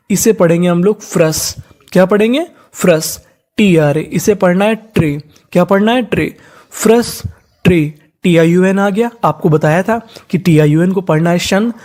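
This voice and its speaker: Teacher, mellow tone, spelling lesson, letter-by-letter sounding out, self-answered questions. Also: mid-range voice. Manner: spells words letter by letter, then blends them slowly; asks a question and answers it themself. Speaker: English teacher.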